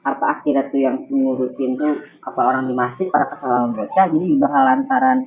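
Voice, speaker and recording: Fast-talking Betawi woman. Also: rumbling low, narrow, tinny audio, slight background noise. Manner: animated storytelling, acts out quoted voices. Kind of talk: comedic casual chat.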